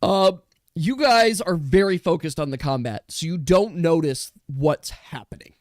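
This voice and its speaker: A man's voice: a little high, expressive, unhurried. A man narrating a tabletop game as game master, moving between dramatic storytelling and casual asides.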